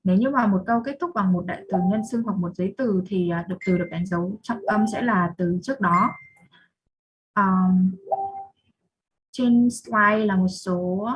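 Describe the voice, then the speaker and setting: A woman's voice: mid-range voice, slightly rough, muffled recording. A young woman with a Vietnamese accent giving a student presentation, reading definitions and then explaining them again. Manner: reads slide definitions then restates them.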